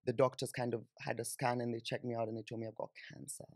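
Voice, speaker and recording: A young man with a Kenyan accent, a podcast guest on a sofa in a small indoor studio, tells personal stories informally, full of "like" and "you know." His mid-range voice moves at a quick pace with a level tone. A close boom-arm studio mic gives clean studio sound with no room noise.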